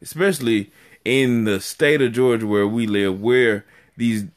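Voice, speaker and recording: A man co-hosting a podcast in casual chat, ranting in animated bursts. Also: mid-range voice, a little slow. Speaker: podcast co-host.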